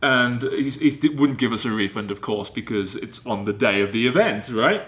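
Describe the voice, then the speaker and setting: A man telling a story in casual vlog style, animated and laughing often. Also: mid-range voice, normal speed. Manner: animated, laughs often, keeps asking "right?". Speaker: vlog co-host.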